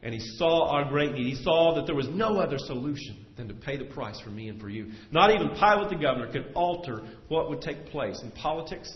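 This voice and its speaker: A man's voice: fairly high pitch, animated. Earnest preacher man in an echoey church. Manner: earnest preaching, swells louder and slows for emphasis. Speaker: pastor. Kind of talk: sermon. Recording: echoey hall, dull lo-fi sound.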